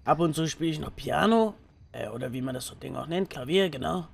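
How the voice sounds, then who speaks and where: A man's voice: on the high side, a little fast, creaky. A man playing a brash, crude street hustler who teases everyone with vulgar jokes in a game roleplay. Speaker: roleplay streamer.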